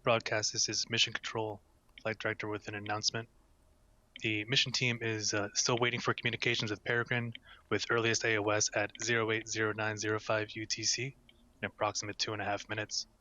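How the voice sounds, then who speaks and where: A man's voice: lowish voice, pushed and bright. A man serving as flight director, giving clipped procedural announcements from mission control and repeating each callout.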